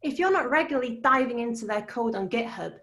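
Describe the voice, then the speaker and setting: A woman's voice: fairly high pitch, expressive, quick pace, fairly bright tone. Welsh woman giving an earnest talk. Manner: earnest, persuasive. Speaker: conference speaker. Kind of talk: prepared conference talk.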